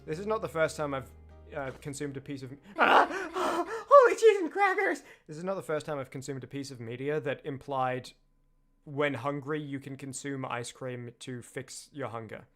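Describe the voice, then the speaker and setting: A young man streaming a game, chatting casually with lively tangents and frequent laughter. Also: mid-range voice, normal speed, soft background music. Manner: animated, laughs often, chatty asides. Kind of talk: casual let's-play commentary.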